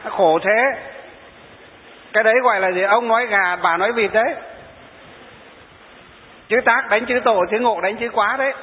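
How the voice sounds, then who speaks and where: A man's voice: high voice, moderate pace, long pauses. A man, a Buddhist monk giving a storytelling sermon and quoting his followers. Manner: storytelling, quoting followers and answering rhetorical questions. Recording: tinny phone-like sound in a reverberant hall.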